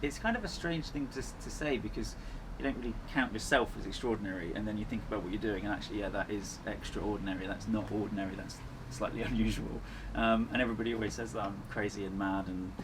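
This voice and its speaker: Low-voiced man over clear background noise. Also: fast, hardly any pauses. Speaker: endurance runner, interview guest. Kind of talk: casual interview chat. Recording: clearly noisy ambient background.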